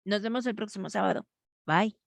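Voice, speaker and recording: A woman's voice: medium pitch, fairly quick, creaky, no room sound. Woman teacher, patient, step-by-step explanations, dry close sound. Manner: patient, explains step by step, asks students for answers. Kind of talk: online grammar class. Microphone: video call.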